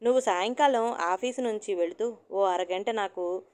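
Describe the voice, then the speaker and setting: A woman's voice: medium pitch, normal speed, a little mellow, natural voice. A woman voicing a middle-aged husband and father who speaks mildly and reasonably.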